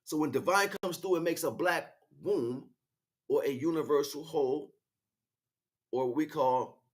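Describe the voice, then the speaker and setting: With a slightly high voice and a measured pace, a man improvises a spiritual lecture in his role as teacher and livestream host. He stresses his words, repeats the important ones, and asks rhetorical questions to check in.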